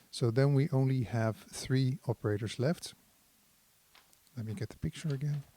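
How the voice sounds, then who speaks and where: A man demonstrates a synthesizer in a casual, hands-on tutorial, thinking aloud and explaining without hurry. His mid-range voice has a dark tone, and there is no room sound.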